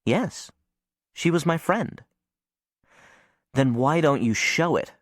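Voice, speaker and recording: A man voicing a blunt, literal-minded teenage boy who speaks in a flat, matter-of-fact way. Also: fairly high pitch, takes it slowly, no room sound, studio quality, voice pushed up. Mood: flatly earnest.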